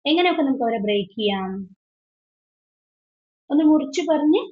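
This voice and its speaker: A woman's voice: high voice, expressive, brisk. A woman teaching an online English grammar class, patient and questioning, often switching into English as she explains. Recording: dull lo-fi online call audio.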